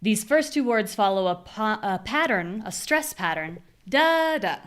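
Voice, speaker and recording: American woman, pronunciation teacher, mid-pitched, patient, demonstrating stressed syllables. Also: animated, moderate pace, a bit bright. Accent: General American. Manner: patient, clear explanations. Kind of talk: live online class.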